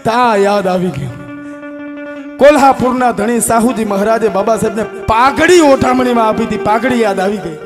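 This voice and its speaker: A man with a Kathiawadi Gujarati accent telling a folk story with music in an impassioned, declamatory way, moving from hushed to shouting. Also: sits high, moderate pace. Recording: music playing behind.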